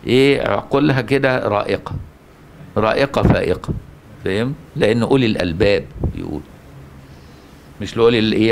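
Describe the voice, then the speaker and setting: Egyptian male Quran teacher, mid-pitched voice, questions the class and answers himself. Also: vocal fry, slight background noise. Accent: Egyptian Arabic. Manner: asks the listener rhetorical questions and answers them. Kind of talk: religious lesson.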